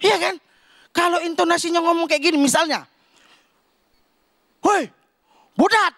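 Male stand-up comic, Medan Indonesian accent, high tenor, animated, acts out characters, loud punchlines. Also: brisk, dry recording, clean studio sound. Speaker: stand-up comedian. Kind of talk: stand-up routine. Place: comedy stage before a live audience.

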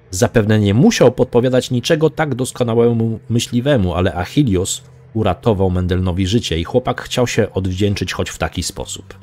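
Low-voiced man, lively dramatic reading. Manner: dramatic reading, voicing characters. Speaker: audiobook narrator. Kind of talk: fan audiobook reading of a fantasy novel.

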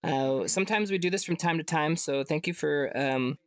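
A man's voice: a little high, normal speed, dry recording. A man in casual role-play banter with other people.

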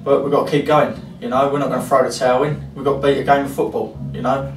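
Rambling football manager. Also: male voice, mid-range voice, flat delivery, quick pace, music in the background. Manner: frank, rambling, many fillers. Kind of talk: post-match interview. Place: club interview room, indoors. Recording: roomy echo, distant mic, faint hiss.

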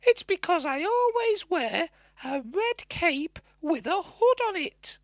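Innocent little girl for puppet comedy, squeaky high, unhurried, childlike. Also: big pitch swings, no echo, full character voice. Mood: earnest, chatty. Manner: matter-of-fact, childlike. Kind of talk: comic puppet show dialogue.

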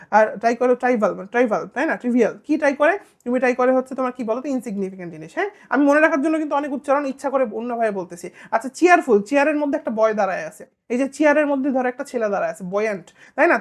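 A woman with a Bangladeshi Bengali accent teaching an exam-prep vocabulary lesson, quizzing the listener with playful repetition and memory tricks. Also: high-pitched.

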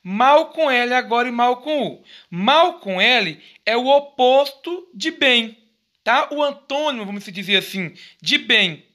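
Brazilian male primary teacher, unhurried and bright, patiently walks kids through rules. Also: very high-pitched, animated. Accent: Brazilian Portuguese. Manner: patient, affectionate, explains step by step to young pupils. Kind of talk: recorded grammar lesson for children.

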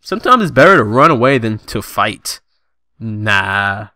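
A young man giving comedic let's play commentary, excitable and slangy, often yelping and shrieking in panic. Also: lowish voice, measured pace. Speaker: gaming video host.

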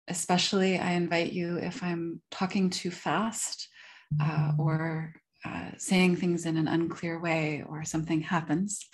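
Over a video call, a woman with a low, darkish voice delivers an online academic guest lecture. She speaks slowly and deliberately, sounding careful and considerate toward her audience.

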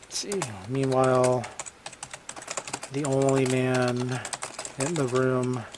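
A writer dictating a story draft while typing, halting often to revise the wording. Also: mid-range voice, level tone, noisy background. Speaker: novelist writing a draft live. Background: computer keyboard typing.

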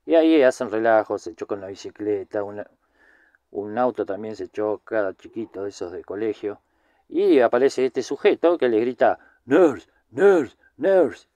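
A man's voice: on the low side, lively intonation, normal speed, warm tone, no echo. A man with a Rioplatense Spanish accent giving a casual, chatty film recap, rambling with lots of filler words. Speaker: film commentator.

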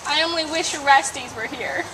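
A woman playing a mournful, devoted sister who speaks slowly and softly, with melodrama. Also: high voice, recorded from a distance, a little hiss or hum, low-quality recording. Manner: slow, soft, melodramatic.

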